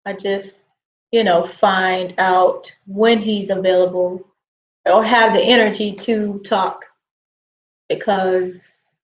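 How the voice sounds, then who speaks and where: A woman's voice: medium pitch, fairly even intonation, takes it slowly, a little hiss or hum. A woman in her forties, co-hosting a casual couple chat, blunt and teasing. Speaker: co-host. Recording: echoey room, dull lo-fi sound.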